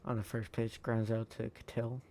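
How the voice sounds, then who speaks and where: A man recording a tired, halting voice-over over his own sports video game footage, full of ums and uhs. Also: flat delivery, dark tone, a little hiss or hum. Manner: low-key, halting, lots of ums and uhs. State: tired, yawning. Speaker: gaming YouTuber.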